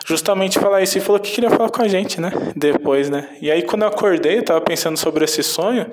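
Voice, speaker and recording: A man's voice: sits high, fast talker, background noise. A man with a Brazilian Portuguese accent telling a story casually in a meandering, hesitant way.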